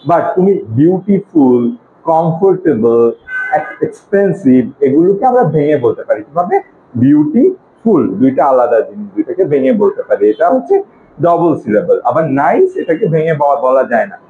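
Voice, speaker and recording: বাংলাদেশি উচ্চারণের একজন পুরুষ শিক্ষক, নৈমিত্তিক ক্লাসের ঢঙে অনেক উদাহরণ দিয়ে ব্যাখ্যা করছেন।. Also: male voice, fairly high pitch, a little hiss or hum. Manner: lively, explaining with many examples. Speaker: English teacher. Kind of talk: casual classroom lesson. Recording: echoey room, tinny phone-like sound.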